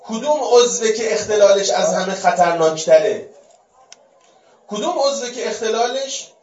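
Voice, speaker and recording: A high-voiced man delivers a religious lecture, peppering it with rhetorical questions and shifting between forceful and hushed tones. He sounds distant, in a large, echoey space, and the recording has a dull quality.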